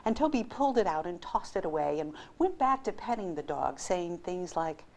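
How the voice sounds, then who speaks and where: A woman who works in voice-over, narrating a story expressively and playfully, with lively asides. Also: lowish voice, moderate pace. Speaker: voice-over actor.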